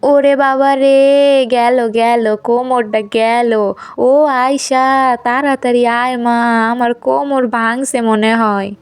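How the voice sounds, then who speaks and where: A homely old mother-in-law, put on by a woman, groans and pleads in a rural dialect, slow and clipped. The sound is dry, with soft music behind it. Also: a little high, fairly even intonation, smooth, dry recording. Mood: pained. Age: older.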